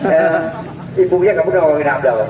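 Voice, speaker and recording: A man with an Acehnese accent gives a joking, bantering sales pitch as a street medicine seller outdoors. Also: brisk, crowd noise. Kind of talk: comic open-air sales pitch. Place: outdoors in a town square. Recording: distant, echoey, noisy outdoor recording.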